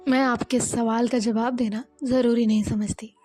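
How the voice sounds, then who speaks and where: A stern young businesswoman speaks in short, firm sentences, read by a female storyteller. Her voice sits a little high, with soft music playing behind her in a storybook audio. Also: flat delivery, normal speed, natural voice. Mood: curt. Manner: curt, clipped, firm.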